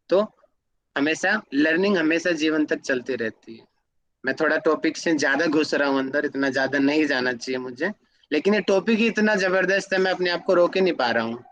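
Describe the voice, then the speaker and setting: A man teaches an online lesson, walking through everyday examples. He keeps stopping to put questions to his students. His voice sits high for a man. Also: a bit bright. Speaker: yoga academy teacher. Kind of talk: online class lecture.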